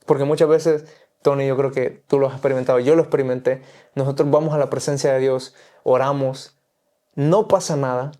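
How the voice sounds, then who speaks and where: Guy preaching in a chat, earnest and pushy, kinda dark mellow voice. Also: medium pitch, steady tone, fairly quick. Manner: earnest, exhorting, repetitive phrasing. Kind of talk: preaching in conversation.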